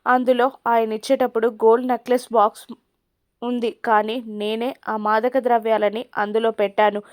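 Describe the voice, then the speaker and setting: A woman's voice: a little high, little pitch movement, moderate pace, darkish tone, no echo, close to an everyday voice. A woman voicing a tearful young wife who firmly takes the blame, in a story recap. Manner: tearful, resolute.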